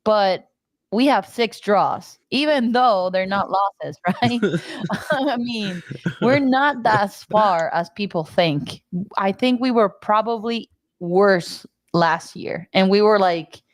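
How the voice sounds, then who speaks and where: A woman's voice: medium pitch, slow, no room sound. Thoughtful woman co-host, dry sound. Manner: thoughtful, unsure, restarts sentences. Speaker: podcast co-host. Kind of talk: casual sports talk.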